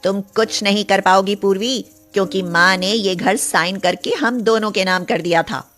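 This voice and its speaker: A woman's voice: mid-range voice, steady tone, moderate pace, a bit bright, faint music behind, natural voice. A woman voicing a cold, bossy rich elder sister who speaks in a commanding, scornful way. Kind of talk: storybook voice acting.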